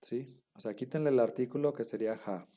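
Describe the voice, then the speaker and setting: Patient man teaching, mellow voice. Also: mid-range voice, a little fast. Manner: patient, explains step by step, checks understanding often. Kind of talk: online class lecture.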